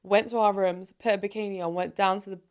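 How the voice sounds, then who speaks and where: A woman's voice: mid-range voice, steady tone, fast, a little mellow, clear, resonant tone. A young woman, co-hosting a casual podcast chat and telling stories with frequent laughter. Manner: chatty storyteller, laughing often. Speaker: podcast co-host.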